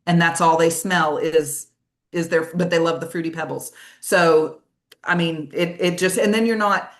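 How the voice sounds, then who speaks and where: A woman teacher telling a personal story in casual chat, emotional and tearful, halting with many restarts. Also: on the low side, fairly even intonation. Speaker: teacher and guest.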